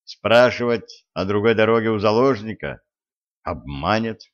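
A man reading fantasy fiction aloud as an audiobook narrator in a measured, even way. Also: on the low side. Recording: muffled lo-fi recording.

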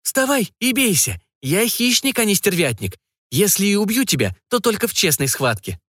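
A man voicing a fierce young female witch hunter, growling and defiant, in a much higher voice. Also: very animated, normal speed, a bit bright, no room sound, studio quality, heavily acted.

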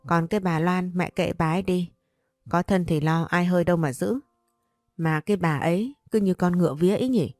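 A woman reads a cheeky young son in a storybook, brash and offhand. The voice is lowish and quick, recorded close and dry with faint music. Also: a little mellow, no echo, lightly acted. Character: cocky lazy young man, careless son.

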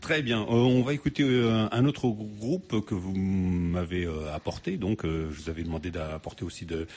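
A man's voice: low voice, normal speed, a little mellow. A man hosting a casual radio interview, chatty, with frequent fillers and laughs. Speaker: radio host.

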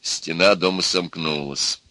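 A man narrating an audiobook with an expressive reading. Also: deep voice, a little slow, dry recording. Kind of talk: scripted narration.

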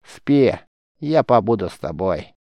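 A man's voice: lowish voice, big pitch swings, a little slow, dry recording, highs cut off. A man voicing a tough, sardonic woman warrior who talks bluntly and plainly. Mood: tender. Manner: wry, blunt, plain-spoken.

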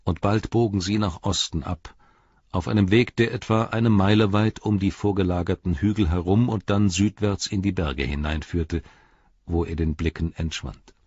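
Deep, husky man reading a story. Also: fairly even intonation, normal speed, darkish tone, no echo, muffled recording. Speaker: audiobook narrator. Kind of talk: scripted narration.

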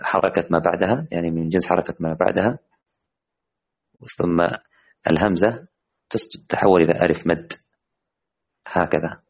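A man teaching an online tajweed lesson to women. He quizzes his students, praises their answers, and stretches words slowly when he recites examples. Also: low-pitched, creaky, breathy edge.

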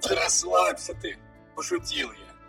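A man's voice: high-pitched, huge pitch swings, unhurried, gravelly, bright, forceful tone, soft background music, voice pushed up, full character voice. A man voicing a cocky, mocking male police car AI with a metallic voice, in an audiobook. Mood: defiant. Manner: mocking, teasing. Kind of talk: audiobook character voice.

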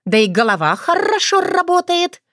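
A woman's voice: very high voice, big pitch swings, moderate pace, a bit bright, dry recording, studio quality, voice pushed up, full character voice. A woman voicing a sarcastic young female crow, a bald bride who teases her in-laws, in a storybook reading. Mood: mocking. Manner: sarcastic, teasing.

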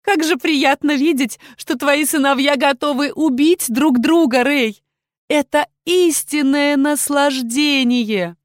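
Woman voicing a villainous dragon queen, audiobook, high-pitched, shrill, loud, gloating, dry close sound. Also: takes it slowly, no room sound. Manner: gloating, shrieking commands. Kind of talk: audiobook character reading.

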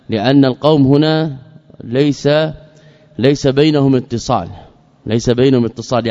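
A man teaching an Islamic creed text as a lesson, measured, often repeating key phrases and asking questions he then answers himself. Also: mid-range voice, mellow. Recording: dull lo-fi recording with long reverb.

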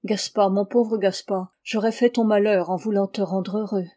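A proud, anxious aging factory owner, voiced by a woman reading aloud. The voice is soft and lowered, with a mellow, dark tone, and the scene reads like a storybook. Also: steady tone, moderate pace, lightly acted. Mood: troubled.

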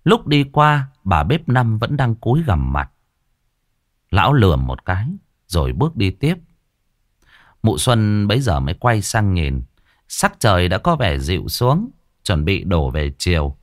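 A man's voice: low voice, big pitch swings, a little slow, no room sound, clean studio sound. Man telling a ghost story. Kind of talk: dramatic ghost story narration.

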